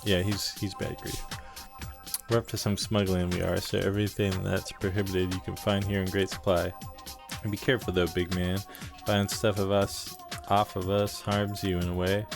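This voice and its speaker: A man voicing a scheming male smuggler gang boss from a game, reading the lines aloud in a rough put-on drawl. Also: sits low, level tone, moderate pace, over music.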